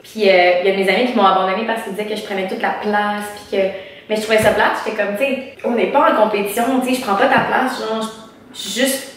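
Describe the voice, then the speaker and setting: Fast-talking young Québécois woman, echoey room. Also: mid-range voice, a little hiss or hum. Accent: Québécois French. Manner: talkative, animated slangy storytelling with frequent filler tags. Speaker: mukbang co-host. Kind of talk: casual chat between friends. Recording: echoey room, distant mic.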